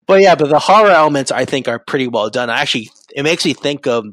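A man chatting casually on a gaming podcast, animated and rambling, laughing often. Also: medium pitch, quick pace, no room sound.

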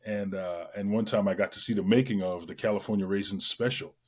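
Husky-voiced middle-aged man telling stories. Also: fairly low pitch, a little fast. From Trinidad and Tobago. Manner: lively storyteller, many fillers. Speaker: guest entertainer. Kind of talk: casual interview chat.

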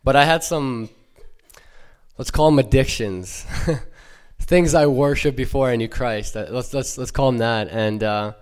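A young Ukrainian man with a mid-range voice and no accent shares a personal church testimony, earnest but halting, with lots of fillers and restarts.

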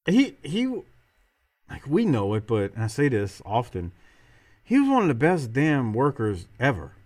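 Male podcast host, mid-pitched and lively, informal wrestling recap chat. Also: a little slow. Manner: slangy, informal. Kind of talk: casual match recap commentary.

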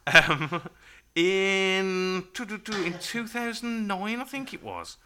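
A man's voice: sits high, animated, extremely slow, sharp tone, a little hiss or hum. A man hosting a casual podcast chat, stopping and starting as he digs for names. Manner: chatty, stop-start, trails off recalling names. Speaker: podcast host.

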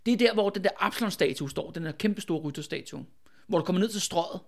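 A man hosting a history podcast, telling the story in a casual, animated way with plenty of fillers and tag questions. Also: sits high, vocal fry. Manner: animated, many fillers and "ikke?" tags.

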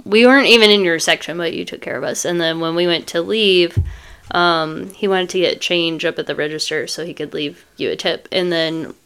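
A woman's voice: lowish voice, moderate pace, fairly bright tone, smooth. A woman co-hosting a casual podcast, talking thoughtfully about how to treat servers. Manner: chatty, thoughtful, often says "like". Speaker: podcast co-host.

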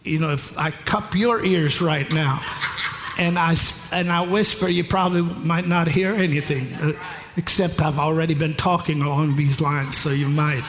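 A man preaching a charismatic sermon, moving from storytelling into shouted preaching and calling out to the congregation. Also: on the high side, steady tone, normal speed, slight background noise. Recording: long hall reverb with faint room ambience.

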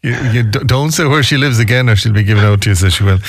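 A man's voice: on the low side, fast, dry recording, clean studio sound. A man with a west of Ireland accent hosting a live radio phone-in, chatty, repeating himself and adding folksy tags. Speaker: radio host.

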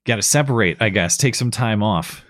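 A man co-hosting a live call-in show, slightly hoarse from losing his voice, talking in a wry, rambling way with frequent restarts. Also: fairly low pitch, lively intonation, normal speed, fairly bright tone, dry recording, clean studio sound. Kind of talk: casual live show chat.

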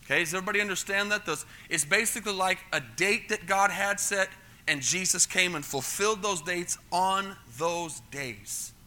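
At a moderate pace, this middle-aged pastor from the United States delivers a sermon in a high, very bright and forceful voice. He teaches conversationally, tripping over repeated words and frequently checking if his congregation is following along.

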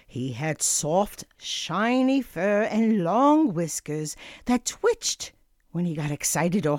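A woman narrating a children's storybook as a story-time host, with deliberate, expressive delivery addressed to young listeners. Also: medium pitch, no room sound.

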